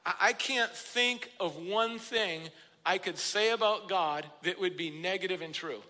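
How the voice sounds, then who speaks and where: A man with a high, bright, ringing voice preaching to his congregation in a church sanctuary. He builds to emphatic declarations, and his words trail off into a long hall reverb. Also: unhurried. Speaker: pastor. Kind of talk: sermon.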